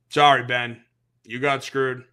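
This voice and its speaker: A man hosting a sports podcast, ranting as an opinionated fan in a casual, animated way. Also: mid-range voice, clean tone.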